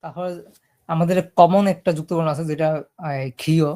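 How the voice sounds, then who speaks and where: A man with a fairly high voice runs a step-by-step typing lesson over a screen recording. He explains patiently, often pausing to check that his listeners are keeping up. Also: steady tone, mellow. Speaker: computer typing instructor.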